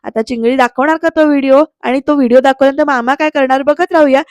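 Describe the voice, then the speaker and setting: A woman's voice: high voice, fairly even intonation, fast, darkish tone, dry recording. A woman narrating a voice-over review, retelling an episode in a chatty storytelling way with asides to viewers. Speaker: serial reviewer.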